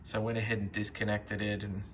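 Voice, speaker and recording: A man's voice: fairly low pitch, level tone, fast talker, a little hiss or hum. A young man casually explaining a car repair step by step as he works in his garage, with frequent fillers. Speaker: car DIY video host. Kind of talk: casual how-to narration while working.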